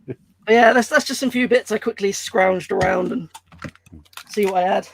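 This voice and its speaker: A man's voice: high voice, normal speed, vocal fry, fairly bright tone, slight background noise. A man doing a casual show-and-tell as a livestream guest. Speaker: livestream guest showing games.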